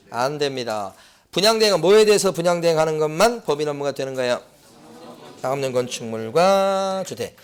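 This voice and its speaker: A male lecturer with a slightly high voice teaches an exam-prep class, constantly asking the room questions and answering them himself. He drags out key terms slowly so they stick. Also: clean tone. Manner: tells anecdotes with acted-out quotes. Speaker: real estate exam lecturer.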